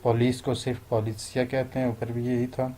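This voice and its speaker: A man with a Pakistani Urdu accent teaches phrases in a flat, even tone. His voice is mellow and dark, and he slows right down to stress each foreign phrase. Faint background noise sits behind him. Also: mid-range voice. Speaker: language teacher. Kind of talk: explaining phrases step by step.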